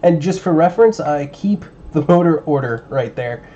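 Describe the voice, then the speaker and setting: A man hosting a casual livestream while building a drone, chatting with viewers and muttering to himself as he works, his voice slightly hoarse. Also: a little high, moderate pace, lo-fi sound. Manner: relaxed, chatty, muttering at parts while working.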